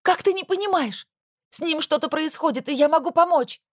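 A woman's voice: mid-range voice, lively intonation, a little fast, mellow, breathy edge, no room sound, clean studio sound, voice pushed up. A woman voicing a frantic young heroine. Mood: pleading. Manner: urgent, pleading. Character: desperate young woman pleading.

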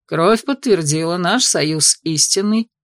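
A woman reading an audiobook voices a cocky male elf healer, speaking low and slowly with a smug tone. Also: no echo, clean studio sound. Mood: insistent. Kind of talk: audiobook character voice.

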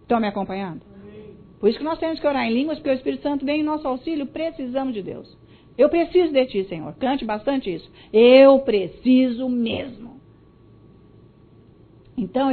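High-voiced Brazilian woman preaching emphatically. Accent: Brazilian Portuguese. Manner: emphatic, swings between loud stresses and soft asides, talks straight to the listeners. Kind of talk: sermon. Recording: tinny phone-like audio.

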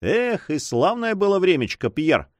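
A man voicing a calm, dignified old governor who speaks quietly and patiently, with a touch of sadness, in a storybook reading. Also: sits high, unhurried, no room sound, studio quality. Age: older. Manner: quiet, patient, gently sad.

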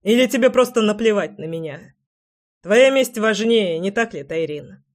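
A woman voicing a proud, furious male clan leader who shouts and sneers bitterly. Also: mid-range voice, animated, moderate pace, lightly acted.

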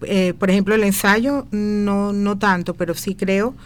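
Relaxed woman poet, faint noise. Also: medium pitch, a little slow. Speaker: poet, interview guest. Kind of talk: radio interview answers.

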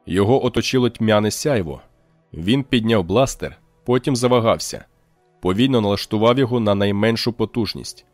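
A man narrating an audiobook in a steady, even reading voice. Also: lowish voice, dry recording. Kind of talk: scripted narration.

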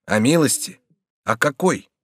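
A man's voice: medium pitch, animated, unhurried, breathy edge, no room sound, clean studio sound. A man reading an audiobook voices a kindly, easily moved middle-aged prince regent, exclaiming and questioning with raised emotion. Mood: agitated. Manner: exclaiming, warm and agitated.

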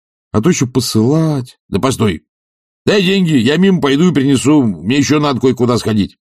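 Man putting on a pushy middle-aged sponger, loud and bossy, husky voice, lively swings in pitch. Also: a little fast, no echo, clean studio sound. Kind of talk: audiobook character reading.

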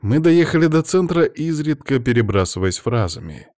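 A man reading an audiobook as narrator, in steady, measured first-person storytelling. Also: a little high, no room sound, studio quality.

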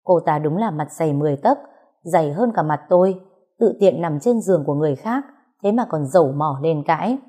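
Fields: low-voiced woman reading a story. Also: animated, fairly quick, dark tone, breathy edge. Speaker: narrator. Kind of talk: first-person audio story narration.

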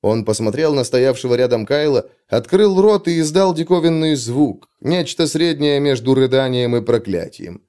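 A man reading an adventure story aloud as narrator, in steady, dramatic storytelling. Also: mid-range voice, normal speed, hardly any pauses. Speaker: audiobook narrator. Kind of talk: scripted narration.

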